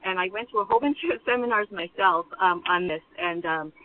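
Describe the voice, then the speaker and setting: A woman's voice: lowish voice, brisk. Woman caller, car speakerphone, narrow phone-line tone, eager chatter. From western Massachusetts. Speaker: caller on a group call. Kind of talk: casual chat. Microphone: phone on speaker in a parked car.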